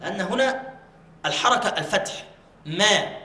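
A man with a high, bright voice teaches recitation rules and stretches each word slowly to show how it should sound. He is recorded in an echoey mosque hall. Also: animated. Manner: repeats words slowly and drawn out to demonstrate pronunciation. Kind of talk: tajweed lesson with demonstrated recitation.

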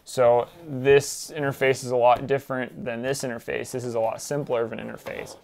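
A young man giving a relaxed, plain-spoken how-to demonstration at a desk in a small room. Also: medium pitch, brisk, gravelly, slight background noise. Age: young adult. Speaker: tech trainer.

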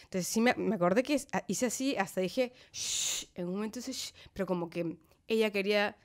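A woman with a Peruvian Spanish accent, an actress telling anecdotes as a podcast guest in an animated, laughing way. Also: medium pitch, a little fast. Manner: animated, laughing storyteller who acts out quotes. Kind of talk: casual storytelling interview.

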